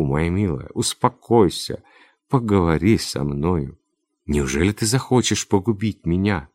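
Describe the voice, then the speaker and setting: A man's voice: low-pitched, darkish tone, dry recording. Man playing a pushy domineering general. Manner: insistent, wheedling then commanding.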